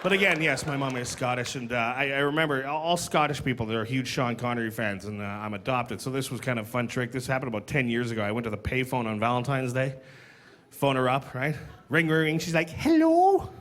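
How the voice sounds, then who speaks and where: A man doing a stand-up comedy set, talking in an animated way and jumping into high put-on voices for other people. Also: fast talker. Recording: live club, crowd laughter and noise.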